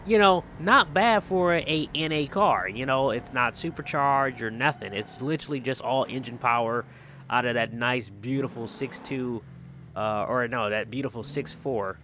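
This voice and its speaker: At a normal speed and with a pushed, bright medium-pitched voice, a man hosts a gaming channel and enthusiastically riffs on cars in casual video game roleplay. He repeats phrases for emphasis, and slight background noise can be heard.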